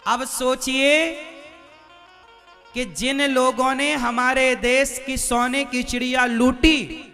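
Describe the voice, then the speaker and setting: A male preacher speaks slowly to a gathering, his voice unusually high and bright. He keeps turning to the crowd with rhetorical questions, and faint music plays behind him. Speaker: religious preacher.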